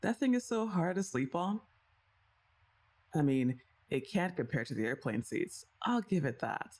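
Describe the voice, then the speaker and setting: In a scripted ASMR roleplay, a young woman speaks directly to the listener with a teasing, playfully bossy manner, her voice rising and falling constantly. Soft sighs and quiet laughs slip in between her lines. Her voice sits low and sounds animated, and she keeps a measured pace.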